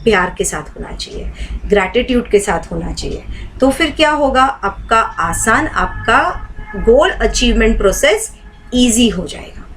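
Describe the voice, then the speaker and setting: A woman leads a live online meditation class in a fairly high voice. She talks warmly and keeps putting questions to her students. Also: very animated, unhurried, soft background music, poor audio. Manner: asks the class many rhetorical questions. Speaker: meditation teacher.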